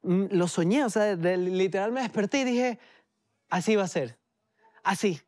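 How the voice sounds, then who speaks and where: A young man with an Ecuadorian accent, a guest in a TV studio, telling stories in an animated way and laughing often. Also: high-pitched, normal speed, no echo. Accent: Ecuadorian Spanish. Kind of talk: casual interview chat.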